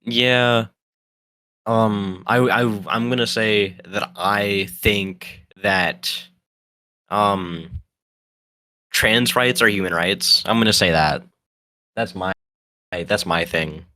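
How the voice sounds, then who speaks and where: A man's voice: on the low side, slow, pauses often, sharp tone, dry recording, poor audio. A young man, co-hosting a podcast in a rambling, hesitant way, tired from no sleep. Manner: rambling, hesitant, lots of fillers and restarts. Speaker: podcast co-host. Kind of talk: casual chat.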